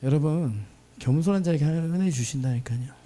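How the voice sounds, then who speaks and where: A man's voice: fairly high pitch, fast talker. Thirtysomething pastor guy preaching, playful, keeps acting out other people's voices. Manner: lively, playful, acts out quoted voices. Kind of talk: sermon with acted-out anecdotes. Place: church hall.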